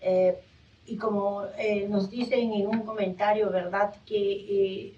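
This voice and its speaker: A woman hosting a live radio interview from a studio, speaking hesitantly with many drawn-out fillers. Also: mid-range voice, flat delivery, dark tone. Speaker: radio host. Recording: dull, distant radio recording.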